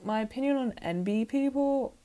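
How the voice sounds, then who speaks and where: A woman's voice: sits high, normal speed, mellow. Woman vlogger, casual rambling monologue, self-mocking, plenty of fillers.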